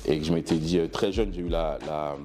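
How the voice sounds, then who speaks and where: A man in his thirties with Benin roots, giving a relaxed guest interview in a studio, hesitant with many fillers and restarts. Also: very deep voice, brisk. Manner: gestures broadly while seated. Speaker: brand founder, guest. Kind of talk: casual interview talk. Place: studio room with clothing racks, indoors.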